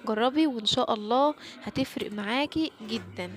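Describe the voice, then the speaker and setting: A woman's voice: a little high, fast talker, background noise. A middle-aged woman with an Egyptian Arabic accent, narrating her home routine and speaking straight to her viewers in an encouraging way. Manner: warm, encouraging, addresses viewers directly. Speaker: home vlogger. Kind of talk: chatty home routine voice-over.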